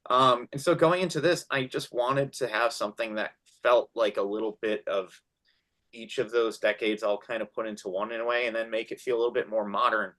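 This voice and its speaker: A man's voice: medium pitch, a little fast. A man around thirty, a film director as a guest, chatting casually in an interview with lots of restarts and fillers. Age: 30s. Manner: animated, many restarts and fillers.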